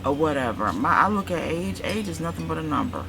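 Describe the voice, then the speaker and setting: A woman co-hosting a casual chat, calmly offering life advice. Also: low-pitched, brisk, gravelly. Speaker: co-host. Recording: noisy background.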